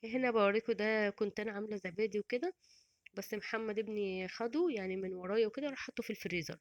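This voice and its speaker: Speaking very fast at a medium pitch, a middle-aged Egyptian woman chats loosely about what she cooks at home, stumbling into restarts and fillers as she goes. The voice-over is dry, and the high frequencies are cut off.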